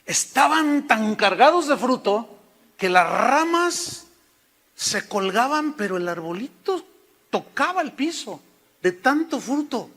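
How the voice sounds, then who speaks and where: High, bright Mexican-accented preacher. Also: male voice, big pitch swings, slow, long reverb tail. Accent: Mexican Spanish. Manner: folksy storytelling, addresses listeners as hermano. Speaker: pastor. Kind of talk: sermon.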